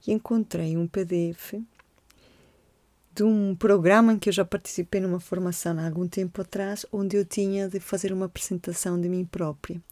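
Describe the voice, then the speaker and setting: Woman in her 40s, mellow dark tone, dry close sound, hesitant reflective monologue. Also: lowish voice, dry recording. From Colombia. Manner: gentle, reflective, with frequent hesitations and repeated words. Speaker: podcast host. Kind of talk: personal storytelling monologue.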